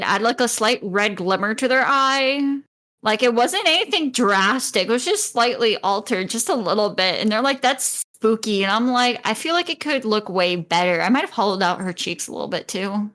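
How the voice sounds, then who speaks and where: Bright-voiced woman rambling on a podcast. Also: fairly high pitch, animated, moderate pace. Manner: rambling, chatty storytelling. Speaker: podcast co-host. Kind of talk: casual chat.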